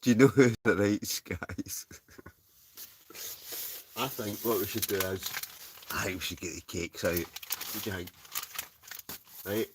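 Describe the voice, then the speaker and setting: A man's voice: lowish voice, fairly even intonation, slow, long pauses, noisy background. A Scottish man chatting casually to livestream viewers in a rambling, chuckling, easily sidetracked way. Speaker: livestream host. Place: inside a tent.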